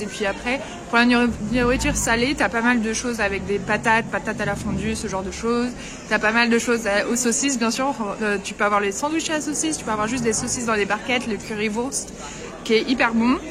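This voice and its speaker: Young female travel vlogger, chatty and casual, outdoor street noise. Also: on the high side. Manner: chatty, lots of fillers, addresses viewers directly. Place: outdoors at a snowy castle and Christmas market.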